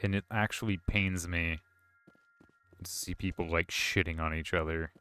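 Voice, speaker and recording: A man's voice: sits low, steady tone, moderate pace, sharp tone, clear, resonant tone. A man streaming a game, chatting casually with viewers in a rambling, self-correcting way. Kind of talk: casual chat while gaming.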